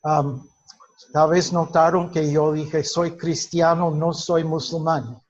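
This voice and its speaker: In a classroom lecture, a male teacher with a slightly high voice and level tone guides his class through a lesson slowly and deliberately. He halts often, restarts phrases and quizzes the students. The recording is dull, muffled and lo-fi.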